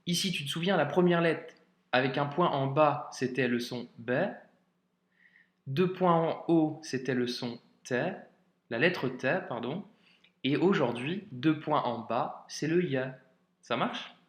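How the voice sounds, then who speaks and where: A man with a medium-pitched voice teaches Arabic reading in a recorded video lesson, and the sound is reverberant. He goes slowly and patiently in an informal way, addressing the viewer as "tu" and often checking with "ok" that the learner is following.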